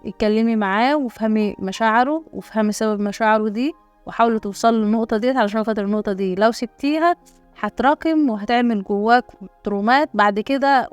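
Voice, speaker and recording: A young adult woman with an Egyptian accent giving a spoken parenting lesson, explaining gently and acting out calm talks with a child. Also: a little high, smooth, dry recording. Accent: Egyptian Arabic. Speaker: parenting coach.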